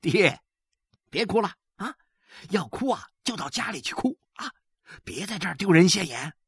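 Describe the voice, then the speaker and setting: A woman's voice: lowish voice, big pitch swings, moderate pace, breathy edge, no echo, voice pushed up, heavily acted. An embarrassed youngest son from a story chides in a dismissive voice, as a woman reader puts him on. It sounds dry and near. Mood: chiding. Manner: chiding, dismissive.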